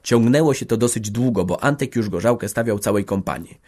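A man reading a classic village novel aloud as an audiobook narrator, dramatic and dropping to a hush in quiet passages. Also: lowish voice, a little fast. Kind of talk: scripted literary narration.

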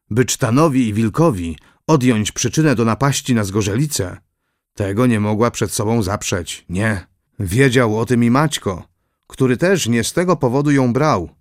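A man reading a historical novel aloud as an audiobook narrator, in a measured, solemn way. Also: fairly low pitch, no echo, studio quality.

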